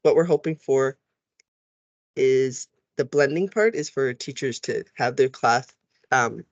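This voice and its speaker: Guy explaining phonics slides to teachers, relaxed, sounds things out, dry kinda dull audio. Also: medium pitch, a little slow, no echo. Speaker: teacher trainer. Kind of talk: recorded tutorial walkthrough.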